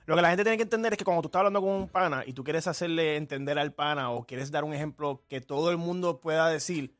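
A man's voice: fairly high pitch, fast, a bit bright. A man co-hosting a sports talk show, stammering and repeating words. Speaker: co-host.

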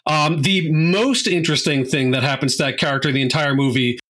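A man co-hosting a casual movie review podcast, chatty and quick to laugh, with lots of fillers. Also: fairly high pitch, a bit bright. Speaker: podcast co-host.

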